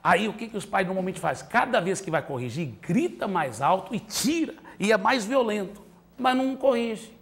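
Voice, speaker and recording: A man with a Brazilian Portuguese accent teaching a church parenting class in a sermon style. He acts out short parent and child exchanges and moves between loud emphasis and soft, quiet asides. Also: sits high, very animated, moderate pace, vocal fry.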